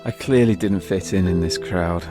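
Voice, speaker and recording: Music plays under a British narrator as he tells a scripted story in the first person for an audio drama. He speaks in a low register at a moderate pace, sounding wry and confessional.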